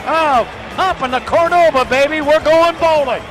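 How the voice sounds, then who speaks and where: Man, rapid hockey play-by-play, very high pitch, excitable, colorful, music behind. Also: crowd noise, rough recording. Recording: radio broadcast with music behind.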